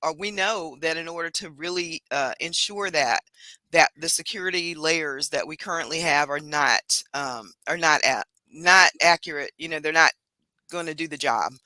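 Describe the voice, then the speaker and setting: A woman co-hosting a casual online panel, speaking in an animated way with frequent laughs and a slightly hoarse morning voice. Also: sits low, moderate pace, no room sound. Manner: animated, laughs often, lingers on words. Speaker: panel co-host.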